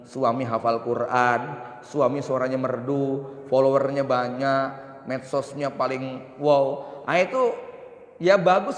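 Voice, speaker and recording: A middle-aged man giving a humorous mosque lecture, acting out little exchanges between husband and wife. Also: mid-range voice. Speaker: preacher. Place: mosque hall. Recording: echoey reverberant mosque hall.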